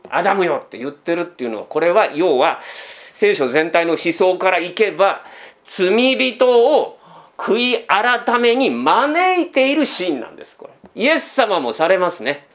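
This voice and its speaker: A man giving a sermon as pastor, in a conversational way full of rhetorical questions, often tagging sentences with a trailing "this". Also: high-pitched.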